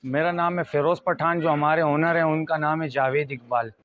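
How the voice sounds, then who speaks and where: A man in his thirties with a Pakistani accent, giving an informal, repetitive sales pitch as a fabric shop salesman. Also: steady tone, normal speed. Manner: repetitive, price-quoting salesman's patter. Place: small fabric shop indoors. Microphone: lapel mic. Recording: dull, muffled lo-fi audio.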